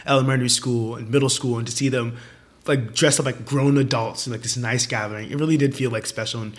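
A man's voice: mid-range voice, steady tone, fast talker. A young man hosting a casual youth podcast, chatty and upbeat with many fillers, his voice strained from losing it. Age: young adult. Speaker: podcast host. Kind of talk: casual chat.

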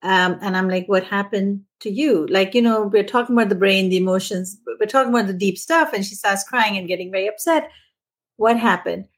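A woman's voice: mid-range voice, brisk. A woman who trains teachers, telling an anecdote in a conversational podcast. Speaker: early-childhood trainer.

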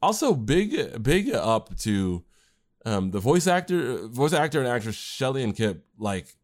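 A man's voice: mid-range voice, big pitch swings, unhurried. A man co-hosting a casual podcast chat, rambling with fillers and restarts. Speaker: podcast co-host and anime creator.

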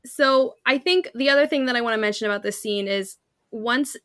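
A woman's voice: a little high, fairly quick, no room sound, studio quality. A young woman co-hosting a podcast, recapping a TV episode in casual chat and acting out characters' lines with laughter. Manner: animated storytelling, acting out quotes with laughter. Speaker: podcast co-host.

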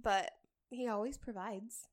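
A woman's voice: medium pitch, fairly even intonation, measured pace. A woman co-hosting a faith podcast, speaking casually and reflectively. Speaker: podcast co-host.

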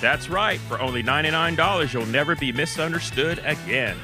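A loud, pushy infomercial pitchman, as a man puts him on hammers every line with sales hype. The voice sits higher and louder than his normal talk. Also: brisk, music in the background, close to an everyday voice. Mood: hyped. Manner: hyped, salesy, punchy. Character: overexcited male infomercial announcer. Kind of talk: mock commercial.

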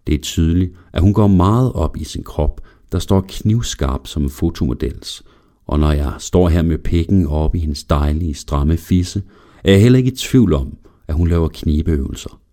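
A man narrates a first-person erotic audio story in a slow, even reading voice. His voice is very low and dark, with a mellow warmth.

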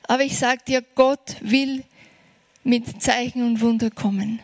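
A woman preaching a sermon, earnest and encouraging, slowing down for emphasis. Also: fairly high pitch, steady tone.

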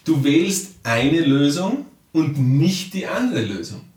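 A man's voice: fairly high pitch, very animated, slow, a little mellow. Man coaching, roomy distant sound. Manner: addresses listener directly, often checks in with "ja?". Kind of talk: coaching talk to listener.

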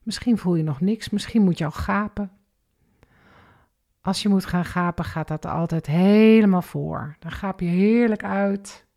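A woman leads a guided relaxation exercise, talking the listener through each movement and breath. She speaks at a very unhurried pace, and her voice carries a noticeable vocal fry. Her delivery is calm and methodical, counting out the breaths. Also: mid-range voice. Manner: slow, calm step-by-step guidance with counted breaths.

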